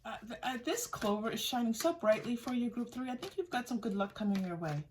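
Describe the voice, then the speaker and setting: This tarot reader hosts a casual, unscripted reading, chatting straight to the listener and encouraging them along. Her fairly high voice is animated and brisk with a little mellowness. The recording comes from a distant mic with faint noise.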